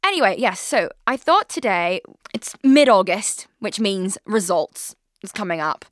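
Her voice mid-range and very animated but a little slow, a woman in her twenties chats rambling-style on her casual solo podcast, with plenty of fillers and curse words. It's recorded in a studio on a studio mic, without echo.

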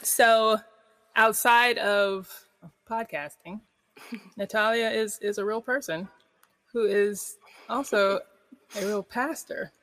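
Relaxed podcast host, reverby room. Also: male voice, high voice. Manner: relaxed, self-deprecating, halting restarts. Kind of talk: casual podcast conversation.

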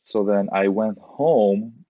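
Low-voiced man telling stories, dull dry mic. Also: takes it slowly, dry recording. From Southern California. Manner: relaxed, laughing anecdotes, acts out quotes. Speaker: guest, professional drift driver. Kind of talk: casual podcast storytelling.

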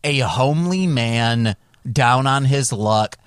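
A man co-hosting a podcast, telling stories in a casual, animated, jokey way. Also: mid-range voice, takes it slowly, clean tone, no echo, clean studio sound. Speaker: podcast co-host.

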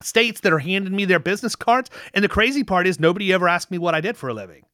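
A middle-aged man in casual conversation, telling long rambling anecdotes with restarts and lively quoted dialogue. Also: high voice, very fast, dry recording, studio quality.

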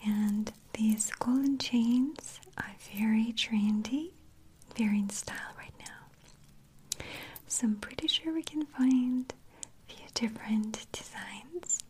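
A woman whispers in a soft, unvoiced hush, very close to the microphone. She talks slowly and gently, like a shopkeeper in an ASMR roleplay, her voice sitting a little high. A faint hiss lies under it. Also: poor audio. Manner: soft unvoiced whisper, unhurried sales talk.

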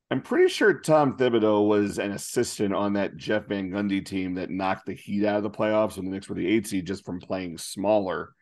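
A man co-hosting a sports podcast, easygoing and quick when telling stories. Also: low-pitched, darkish tone. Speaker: podcast co-host. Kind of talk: casual podcast chat.

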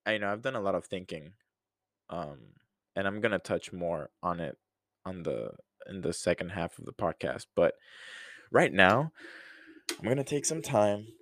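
A man's voice: low-pitched, animated, moderate pace, pauses often, a bit bright, no echo, studio quality. A young man in his early twenties hosting a casual solo podcast, rambling and chatty, with frequent sighs and laughs. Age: early 20s. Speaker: podcast host.

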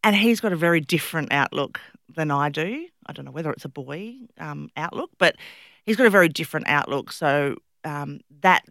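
Bright-voiced Australian woman, chatty. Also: deep voice, expressive, a little fast, vocal fry, no echo, clean studio sound. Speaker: interview guest, public speaker and former competitive swimmer. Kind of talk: casual conversational interview, storytelling.

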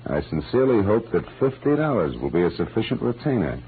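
An American man, the lead actor in a classic 1940s-50s radio noir drama, voices a wry, hardboiled private detective narrating his case with clipped delivery. His low, breathy voice is sing-song, quick and exaggerated, heard through a muffled old radio recording with music.

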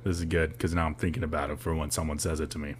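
A man's voice: very deep voice, little pitch movement, very fast, a little hiss or hum. A young American man co-hosting a podcast in casual, slangy, profane chat. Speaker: podcast co-host.

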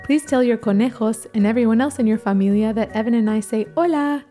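A woman's voice: a little high, faint music behind. Upbeat woman teaching kids Spanish. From Ecuador. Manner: warm, upbeat, encouraging, slow teacher-like delivery. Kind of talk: children's language lesson.

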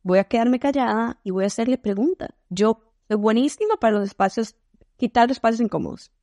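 A woman from Costa Rica with a Costa Rican accent, a podcast guest telling lively stories in casual conversation. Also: fairly high pitch, brisk, dry recording, studio quality. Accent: Costa Rican Spanish. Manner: animated, expressive storytelling with laughter. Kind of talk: casual interview chat.

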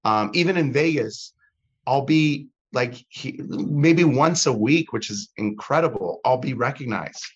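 With a medium-pitched, slightly rough voice, lively intonation and an unhurried pace, a comedy content creator talks as a podcast guest. The casual chat is rambling and self-interrupting, packed with fillers and restarts, in a muffled recording.

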